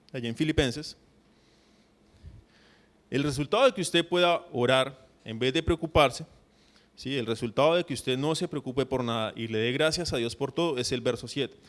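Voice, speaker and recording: A man preaching a sermon as a pastor, talking conversationally and constantly checking in with his listeners. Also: mid-range voice. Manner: acts out mock prayers in a put-on voice.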